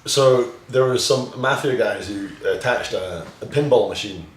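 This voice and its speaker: A man telling a halting, self-mocking anecdote in casual podcast chat. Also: mid-range voice, echoey room, slight background noise. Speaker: podcast co-host.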